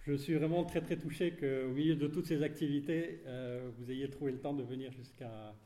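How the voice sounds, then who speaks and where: Mellow-voiced man hosting in an echoey room. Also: medium pitch, fairly even intonation, normal speed. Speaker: host introducing a guest speaker. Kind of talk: spoken introduction at a public event. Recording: echoey room, faint noise.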